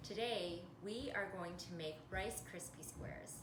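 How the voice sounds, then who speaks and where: A woman's voice: on the low side, measured pace. A woman talking like a kids show host, leading children through a cooking lesson in simple, sing-song, teacher-like phrases. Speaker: presenter of a children's cooking video. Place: home kitchen. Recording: echoey kitchen, loud background noise, pan clatter.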